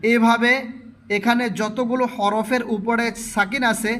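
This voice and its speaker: A man teaching a Quran reading lesson, spelling out letters and syllables slowly and correcting students' pronunciation. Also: extremely high pitch, level tone, fairly bright tone.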